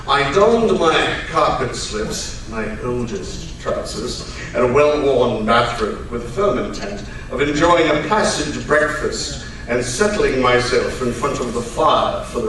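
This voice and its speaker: A man's voice: mid-range voice, natural voice. Man acting genial Doctor Watson, echoey stage recording. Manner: old-fashioned, gentlemanly, exclamatory turns of phrase. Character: Doctor Watson, genial gentlemanly Victorian doctor telling old cases. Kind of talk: live old-time radio drama acting and storytelling. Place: live performance at a radio club event. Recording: roomy, distant live stage recording with hiss.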